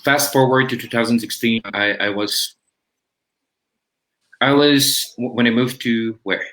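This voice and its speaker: Speaking at a measured pace, this Filipino man in his 30s, a business coach, recounts personal experiences as a livestream interview guest in a reflective, conversational way. His voice is mid-range and a bit bright, captured on a low-quality recording.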